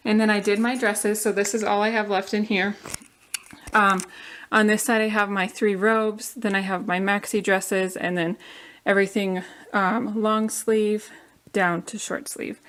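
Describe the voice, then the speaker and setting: A woman's voice: medium pitch, fairly bright tone. A young woman from Colorado, chatting casually through a home organizing vlog with frequent ums and likes. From Colorado, USA. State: slightly out of breath. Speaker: vlogger.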